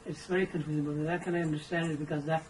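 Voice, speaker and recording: A man's voice: a little high, flat delivery, fast, crowd noise, poor audio. A male student reasoning aloud in class, hesitant and restarting his sentences. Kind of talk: classroom discussion.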